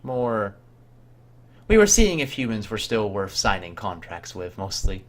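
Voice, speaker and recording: A man voicing a solemn, dry wolf creature in a tabletop game, with a gruff voice. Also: on the low side, big pitch swings, measured pace. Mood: measured.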